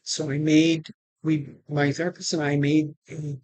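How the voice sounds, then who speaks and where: Slow, halting woman telling her story. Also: low voice, flat delivery, a little mellow, no echo. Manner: halting, with pauses and restarts; retells conversations with "she goes" and "I'm like". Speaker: vlogger. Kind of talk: personal storytelling to camera.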